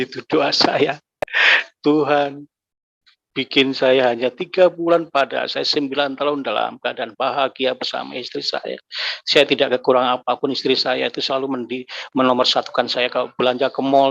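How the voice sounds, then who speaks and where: Gravelly man giving an emotional testimony. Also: fairly bright tone. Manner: emotional, voice climbs high when recalling anger and grief. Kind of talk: personal faith testimony. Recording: dull lo-fi recording.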